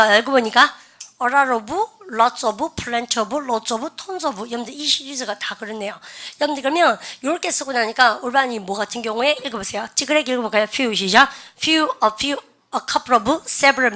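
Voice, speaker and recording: A bright, forceful woman teaches an English grammar class. She talks in a chatty way, asks her students questions, and has them repeat phrases aloud. Her voice sits a little high. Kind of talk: classroom lecture.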